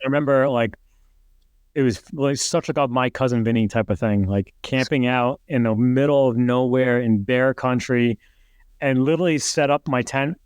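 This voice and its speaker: A middle-aged New York man, a retired fire captain, rambles through stories as a podcast guest, leaning hard on "like" and acting out what people said. His voice sits at medium pitch with a darkish, smooth tone, moving at a normal speed. The recording is dry, and the talk is casual podcast storytelling.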